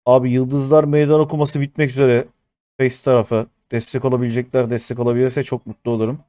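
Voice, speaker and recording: A man in his thirties doing live-stream commentary as a mobile game streamer, excitable and chatty with his viewers, swearing often. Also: medium pitch, fast, dry recording, clean studio sound. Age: 30s.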